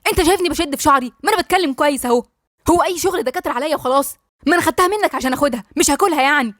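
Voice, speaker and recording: Brief: bitter sarcastic woman patient with egyptian accent, high and quick, dry close sound, voiced by a woman narrator. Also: dry recording, natural voice. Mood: mocking. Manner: sarcastic, defensive. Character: angry bitter female doctor, now a patient.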